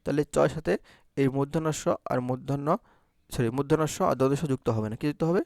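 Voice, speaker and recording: A man with a mid-range, brisk, slightly creaky and somewhat mellow voice teaches a Bangla grammar lesson, explaining step by step and answering his own questions. He keeps checking understanding with short prompts in this recorded exam-prep lesson. The audio is studio quality with no room sound.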